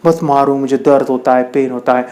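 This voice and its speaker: A wailing stone that pleads again and again to be spared, voiced by a man telling a story. The cries climb sharply in pitch, then fall away. It sounds hurt and desperate rather than angry. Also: flat delivery, brisk, darkish tone, lightly acted. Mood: pleading, pained. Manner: crying, pleading, repetitive. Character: weeping stone begging not to be struck.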